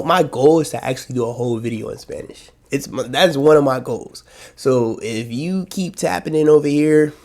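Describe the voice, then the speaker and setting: A young American man talking casually to his channel, rambling and loose with lots of slang and fillers. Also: medium pitch. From United States. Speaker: YouTube vlogger. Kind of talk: casual solo talk to camera.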